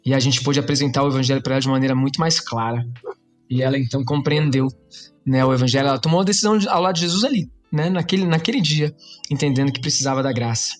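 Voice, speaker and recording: Lively Brazilian man sharing an anecdote. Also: medium pitch, rapid-fire, soft background music. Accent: Brazilian Portuguese. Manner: lively storytelling, quotes a book. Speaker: pastor and podcast host. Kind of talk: casual chat.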